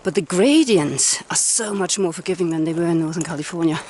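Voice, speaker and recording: A woman's voice: fairly low pitch, brisk, a little mellow, a little hiss or hum. A woman with a Liverpool accent, out of breath, chatting through a casual hiking vlog outdoors on a trail, explaining as she walks. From England. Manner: chatty, explanatory, laughs easily. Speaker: long-distance hiker and vlogger.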